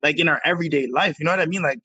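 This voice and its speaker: A young man from Jamaica co-hosting a podcast, telling stories in animated casual slang. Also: a little high, very fast, dry recording, rough recording. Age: young adult. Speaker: podcast co-host.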